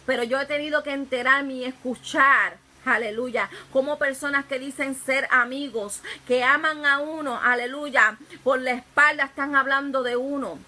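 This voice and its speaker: A woman's voice: high-pitched, fairly even intonation, moderate pace, hardly any pauses, pushed and bright, poor audio. A woman evangelist, preaching a fervent testimony sermon full of hallelujahs.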